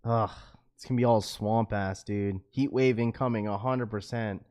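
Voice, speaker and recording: With a low-leaning, slightly mellow voice and fairly even intonation, this easygoing streamer talks at normal speed, reading his chat and tossing around "bro," "dude" and "like." He's a Washington state father of a school-age girl, aged young adult to middle-aged. Studio-quality audio, no echo.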